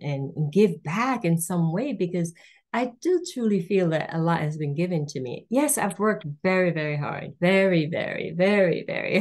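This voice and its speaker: A woman from Jamaica, speaking with a Jamaican accent, tells stories as a guest on an interview show over a video call. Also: lowish voice. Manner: warm storytelling, acts out quoted voices.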